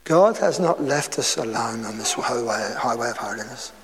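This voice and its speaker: A man's voice: mid-range voice, expressive, moderate pace, a bit bright, a little hiss or hum. A man preaching a sermon to a congregation in a casual, conversational way, with chatty asides and humor. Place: church hall before a congregation. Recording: reverberant hall.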